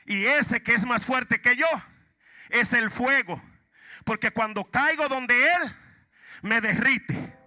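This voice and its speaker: A man's voice: very high voice, slow pace, pauses often, bright, forceful tone, pitched below the performer's own voice, heavily acted. A man preaching, voicing iron as a sturdy figure that humbly admits it is not the strongest. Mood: humble.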